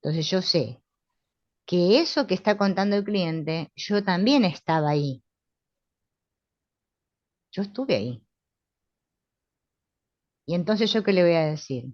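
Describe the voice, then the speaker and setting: A middle-aged woman with a Rioplatense Spanish accent, calmly and confidently teaching a spiritual therapy class, often asking "right?". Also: on the low side, takes it slowly, long pauses, no echo. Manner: calm, assured, with frequent tag questions. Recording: dull, lo-fi sound.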